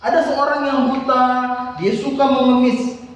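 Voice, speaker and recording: A man's voice: very high-pitched, steady tone, moderate pace. A man telling a Bible story to children at a Sunday service, asking them questions as he goes. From Indonesia. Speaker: Sunday school teacher. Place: church hall. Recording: echoey hall from far off.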